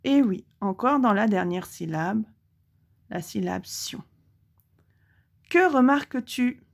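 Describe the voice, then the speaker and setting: A French-accented schoolteacher speaks very slowly and clearly to a young child, a woman who stops often to leave room for an answer. Her pitch sits in an ordinary middle range for a woman. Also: expressive. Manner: slow, clearly articulated, pauses for the child to answer. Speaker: primary school teacher. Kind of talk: recorded lesson for young children.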